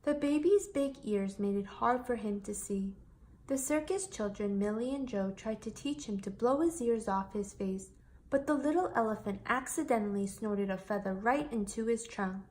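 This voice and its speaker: A woman reads a children's picture book aloud expressively, as a storyteller would, at medium pitch and normal speed.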